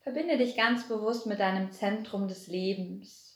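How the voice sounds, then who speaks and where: A woman guiding a relaxation meditation, speaking in a soothing way and slowly counting down to deepen the relaxation. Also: echoey room. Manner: slow, soothing, repetitive counting down. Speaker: meditation guide. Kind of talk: guided hypnosis meditation.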